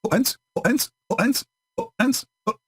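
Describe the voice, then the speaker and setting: A man putting on a shrill little female ant. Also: very animated, moderate pace, a bit bright, breathy edge, dry recording, soft background music, heavily acted. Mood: alarmed. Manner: high squeaky calling.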